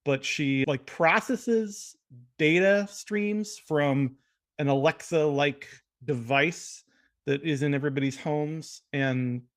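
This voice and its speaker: A man's voice: on the high side, takes it slowly. A man co-hosting a film podcast, chatting casually about movies with frequent restarts. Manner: conversational, frequent restarts and hedges. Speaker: film critic podcast host.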